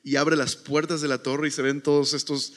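A man's voice: a little high, level tone, moderate pace, a bit bright, long reverb tail. A man preaching a sermon in a chatty, conversational way, often checking in with the listeners and reading scripture aloud.

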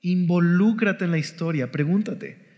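A man's voice: high voice, measured pace, highs cut off. Man teaching the Bible in a reverberant hall. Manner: conversational, keeps checking in with the listener.

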